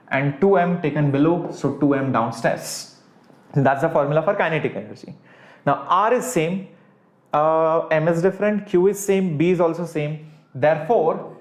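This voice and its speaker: A man with an Indian accent teaching a live online physics lesson informally, working step by step and asking rhetorical questions. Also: fairly high pitch. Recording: echoey room sound.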